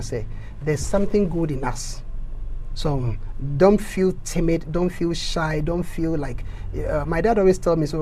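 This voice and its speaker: In an impassioned interview, this Ghanaian-accented man running for council repeats himself as he stammers, then rises into loud preaching outbursts. His pitch is fairly high, and there's slight noise in the background.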